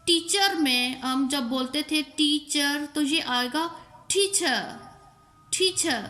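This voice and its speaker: Female teacher, slow and deliberate, bright tone, echoey room. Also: high voice. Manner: spells out words and repeats them slowly. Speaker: English pronunciation teacher. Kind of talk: slow spoken lesson.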